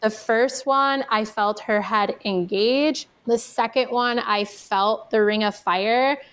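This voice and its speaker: A woman's voice: fairly high pitch, slow, a bit bright, smooth. A young adult woman telling her own story as a podcast guest, chatty, with a lot of "like". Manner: chatty, fills speech with "like". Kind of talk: personal storytelling in casual conversation.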